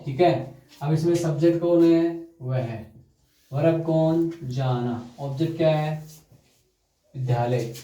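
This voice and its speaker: A man teaching English grammar, dictating example sentences slowly and quizzing students with repeated questions. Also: a little high, dark tone, lo-fi sound. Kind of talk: classroom grammar lesson. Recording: echoey room, far from mic.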